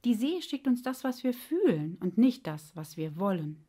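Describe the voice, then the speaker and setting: A woman voicing a wise, patient heart that explains things gently and sometimes grumbles. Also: fairly high pitch, very animated, moderate pace.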